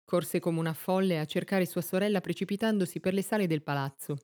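Woman reading a story aloud, lowish warm voice, measured and expressive. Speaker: narrator. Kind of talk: scripted storybook narration.

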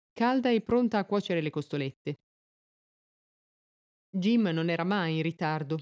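A woman narrating a story aloud in a measured, expressive audiobook reading. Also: on the low side.

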